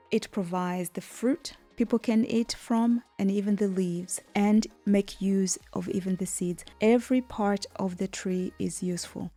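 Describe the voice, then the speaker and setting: Mellow-voiced woman from Tanzania. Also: mid-range voice. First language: Swahili. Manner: warm storytelling, frequent "right?" tags. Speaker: business coach. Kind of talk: talking to camera.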